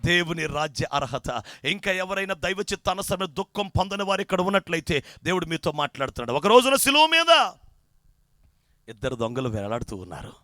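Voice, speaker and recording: Fervent high-voiced man preaching. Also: very animated, fairly quick, no room sound, studio quality. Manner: fervent preaching, repetitive chanting cadence, shouts at peaks. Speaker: pastor. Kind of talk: sermon.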